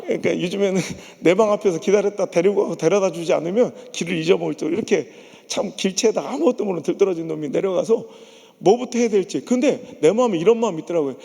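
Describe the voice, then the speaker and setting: A man's voice: high voice, quick pace, gravelly, long reverb tail. A man from the region preaching a revival sermon in a church, telling stories with jokes and voicing the people in them. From Chungcheong region, Korea. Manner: animated, joking storytelling with impersonations. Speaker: pastor. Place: large church sanctuary.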